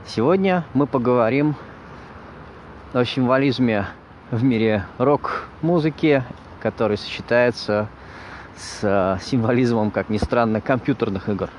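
A man hosting an informal podcast monologue, speaking haltingly in broken phrases as he searches for words. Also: mid-range voice, a little hiss or hum. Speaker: podcast host.

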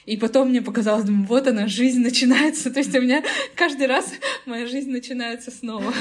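A woman's voice: a little high, steady tone, moderate pace. A woman in her mid thirties, a podcast guest, talking cheerfully and laughing often. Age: 30s. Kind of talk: casual podcast conversation.

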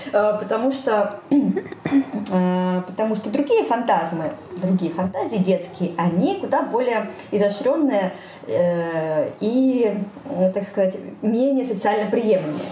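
A woman with a slightly high, dark-toned voice co-hosts a podcast, chatting casually and joking with hesitant phrasing. The room adds echo, and there's faint background noise.

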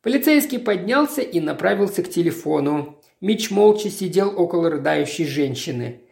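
A woman narrating an audiobook in a measured, even storytelling manner. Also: fairly low pitch, gravelly. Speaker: audiobook reader. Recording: roomy echo.

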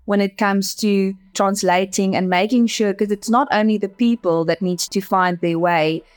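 A Namibian agency director with an Afrikaans accent talks earnestly during an interview. Her mid-range voice holds a fairly even intonation at a moderate pace, and she often repeats words while thinking.

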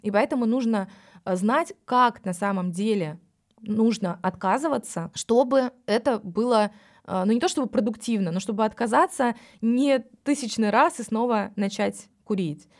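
A woman's voice: fairly high pitch, normal speed. Frank woman explaining addiction. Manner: lively, addresses listener directly, frank. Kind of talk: explanatory podcast talk.

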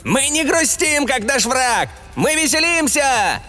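A man voicing a manic dwarf clown president in an audiobook, yelling with glee. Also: very high voice, a little slow, pitched above the performer's own voice, exaggerated voice. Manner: gleeful yelling. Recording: long reverb, music behind.

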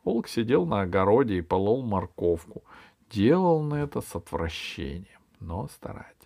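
A man narrating a children's storybook in a lively way. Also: lowish voice, moderate pace, gravelly, dry recording, clean studio sound. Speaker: audiobook narrator.

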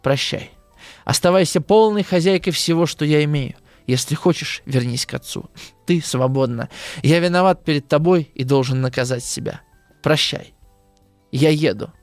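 A man reading aloud the lines of a brooding young officer, in a measured, dramatic way. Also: on the high side, dry recording, soft background music, close to an everyday voice. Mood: solemn. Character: brooding young male officer, cold and manipulative.

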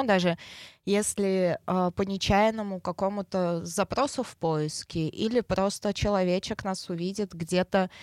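A woman's voice: on the low side, a little mellow, no echo, clean studio sound. A woman who pronounces her r with a burr, explaining things informally as a guest in a podcast interview. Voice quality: burred, non-standard r sound (speech impediment). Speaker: interview guest, head of a traffic department.

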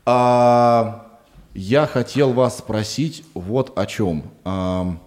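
A man's voice: medium pitch, extremely slow, a little mellow. A man hosting a podcast interview, talking informally and rambling in short broken pieces. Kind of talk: casual conversational interview.

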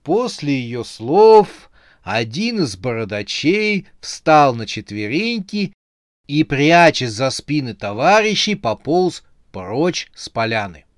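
A man narrating a humorous horror story in a lively, expressive reading. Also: fairly high pitch, slow, no echo, clean studio sound.

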